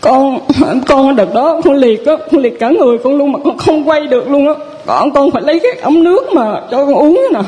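A woman with a southern Vietnamese accent, a parishioner giving a personal testimony in a halting, rambling way with many restarts. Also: high-pitched, lively intonation, warm tone.

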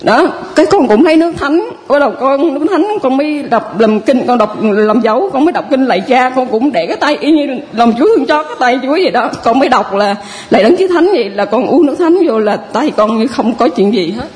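Southern Vietnamese woman, parish testimony, halting and rambling, keeps restarting. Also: sits high, lively intonation, darkish tone. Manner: halting and rambling, with many restarts and laughs through tears. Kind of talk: spoken personal testimony.

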